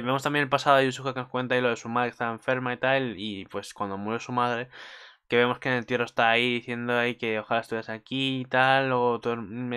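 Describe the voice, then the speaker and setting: A man's voice: medium pitch, fairly bright tone, clean tone. A man giving a casual, rambling recap of an anime episode, swearing often and restarting his sentences. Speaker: anime commentator.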